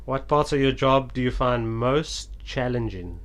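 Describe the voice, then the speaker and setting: A man's voice: medium pitch, measured pace. A man hosting a casual interview, chatting informally and jokingly as he asks questions.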